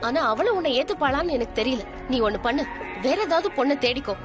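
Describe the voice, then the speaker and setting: A woman's voice: sits high, expressive, fast. An actress playing a young woman who coldly breaks up with her lover and is hurt underneath, dubbed for a TV serial. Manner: cold and cutting, then tearful. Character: young woman breaking up, cold outside, crying inside. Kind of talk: TV serial dubbing. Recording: with music behind.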